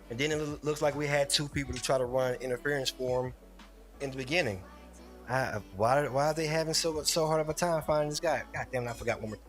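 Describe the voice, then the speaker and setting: A man's voice: a little high, a bit bright. Rambling man hosting a livestream. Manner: rambling, talks straight to viewers in the chat. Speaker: livestream host. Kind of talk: casual live-stream commentary.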